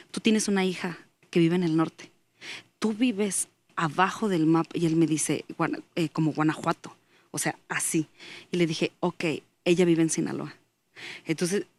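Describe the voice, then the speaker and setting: A woman's voice: fairly low pitch, a little mellow. A woman, a guest giving an earnest faith testimony as she tells a story and acts out the dialogue in it.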